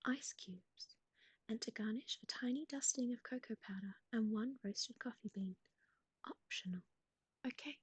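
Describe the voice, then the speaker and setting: A woman whispering recipes in a soft ASMR style, close to the mic, with gentle asides to a pet. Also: on the high side, normal speed, slightly rough, no echo. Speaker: ASMR streamer.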